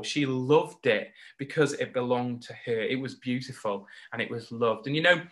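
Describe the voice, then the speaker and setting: Male preacher, mid pitch, earnest and heartfelt, slow emphatic pauses; online worship sermon. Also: a bit bright. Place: home recording for an online service.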